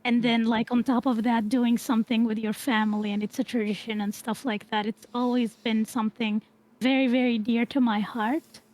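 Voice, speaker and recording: Brief: young-sounding woman, podcast guest, hesitant and soft, fairly high voice. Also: flat delivery, moderate pace. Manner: hesitant, many fillers, soft-spoken. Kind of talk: casual podcast chat.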